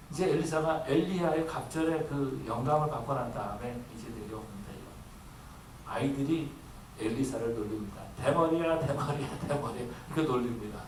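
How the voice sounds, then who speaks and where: A man's voice: medium pitch, a little hiss or hum. A male pastor preaching an earnest sermon and acting out the voices in the stories he tells. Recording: echoey room from a distance with faint ambience.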